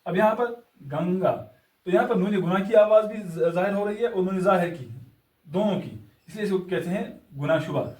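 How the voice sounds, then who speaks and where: A man teaching a lesson, patiently explaining and repeating examples slowly while pointing things out. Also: high-pitched, darkish tone. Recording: echoey room, voice far from mic.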